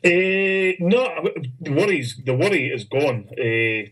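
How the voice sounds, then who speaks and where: A man's voice: on the high side, slow pace, a bit bright, rough recording. A man chatting casually as a podcast co-host. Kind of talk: casual chat.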